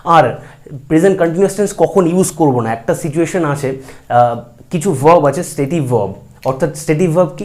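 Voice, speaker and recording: A man teaches English grammar in a relaxed, mellow voice that sits slightly high. He fills his explanations with hesitations and slows down to say each English example sentence carefully. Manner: speaks slowly and carefully when giving English example sentences, with many fillers. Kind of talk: explaining grammar in a video lesson.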